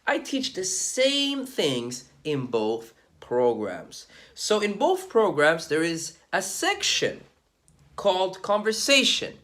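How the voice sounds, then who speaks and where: A young man who is a dating coach, talking casually to camera in an energetic, slangy, emphatic way. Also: high-pitched, slow pace. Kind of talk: casual vlog talk to camera.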